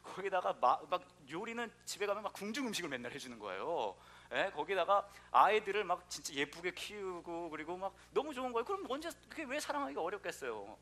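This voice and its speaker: A young man preaching a lively sermon, a joking storyteller who acts out the people in his stories. His voice sits a little high and bright, and he talks quickly, with animated swings in pitch. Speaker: pastor.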